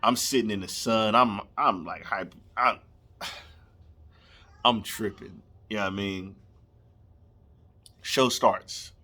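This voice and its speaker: A man's voice: lowish voice, slow pace, long pauses, pushed and bright. A young man, telling a comedic story casually and animatedly, laughing and acting out scenes. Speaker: storyteller vlogger.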